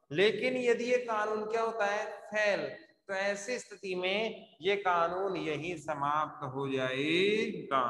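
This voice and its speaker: A man's voice: high-pitched, a bit bright. A male teacher giving a live online class, repeatedly asking his students questions and answering them himself as he writes on a board. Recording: echoey room with long reverb.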